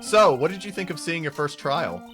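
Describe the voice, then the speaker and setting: A man voicing a calm, level-headed adult male defense lawyer in a fan voice-over of a game. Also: a little high, moderate pace, soft background music, pitched above the performer's own voice.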